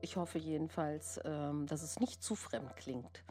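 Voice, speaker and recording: A woman's voice: deep voice, measured pace, warm tone, soft background music. A woman with a congested, snotty voice from a lingering cold, chatting casually as a podcast host.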